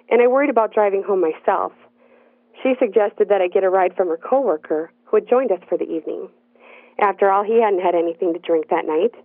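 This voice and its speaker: A woman telling a personal story in the first person, in an earnest, measured narrating voice. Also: medium pitch, no echo. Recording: dry, tinny phone-like sound.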